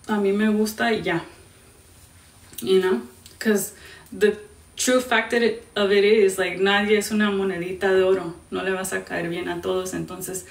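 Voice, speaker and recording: A woman's voice: mid-range voice, far from the mic. Young woman on a live stream, flipping english and spanish, sounds a bit off-mic in an echoey room. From Indiana, US Midwest. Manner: switches between English and Spanish mid-sentence; chatty, answers viewer questions. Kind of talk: casual live-stream chat.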